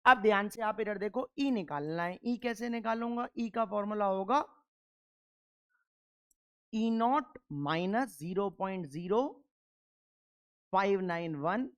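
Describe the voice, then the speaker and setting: A man's voice: high-pitched, measured pace, long pauses, smooth. A male chemistry teacher giving a classroom lecture. He works through problems, keeps asking questions and answering them himself, and drills his points sternly and emphatically through repetition.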